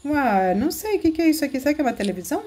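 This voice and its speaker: A woman's voice: high voice, very animated, rapid-fire, warm tone. A woman with a Brazilian accent hosting a game walkthrough video, gushing and giggling as she coos over cute things. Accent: Brazilian Portuguese. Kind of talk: excited gameplay walkthrough.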